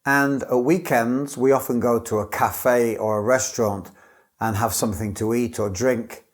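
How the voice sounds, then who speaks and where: A man, an English teacher, giving scripted model answers as an exam candidate in a clear, careful delivery. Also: mid-range voice, steady tone, normal speed.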